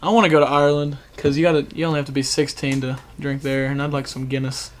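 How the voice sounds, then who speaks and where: A man's voice: medium pitch, little pitch movement, fast, a little hiss or hum. A teenage man guesting on a podcast, laid-back and full of fillers in casual chat. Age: teens.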